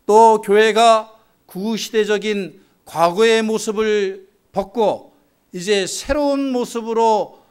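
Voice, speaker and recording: Slow, high-voiced male preacher. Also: a little mellow, clear, resonant tone. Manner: measured, rhetorical questions to the congregation. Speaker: pastor. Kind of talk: sermon. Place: church sanctuary.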